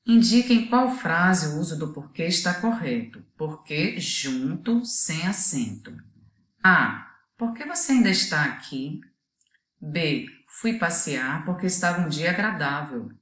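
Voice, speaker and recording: A woman's voice: fairly low pitch, expressive, unhurried, a bit bright, reverberant. A woman teacher with a Brazilian Portuguese accent gives a video lesson, explaining patiently and asking the students to think.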